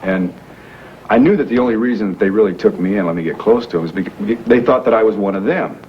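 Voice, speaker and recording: An earnest young businessman, worn tape. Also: lowish voice. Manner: earnest, explanatory, halting with fillers. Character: wealthy young man posing as a factory worker. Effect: worn VHS tape copy. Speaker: businessman explaining a masquerade. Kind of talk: 1980s daytime soap acting. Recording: muffled hissy worn videotape of a TV broadcast.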